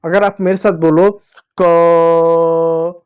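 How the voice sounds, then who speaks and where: A man teaching children to read Hindi, asking the class questions and slowly drilling each letter sound. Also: sits high, darkish tone. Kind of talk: children's Hindi reading lesson.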